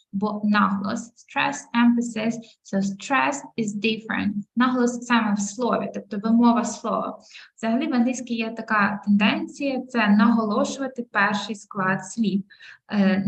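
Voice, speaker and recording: A young adult woman with a Ukrainian accent teaching an online English webinar, clearly explaining words and switching between two languages. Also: fairly high pitch, poor audio. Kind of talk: bilingual webinar lesson.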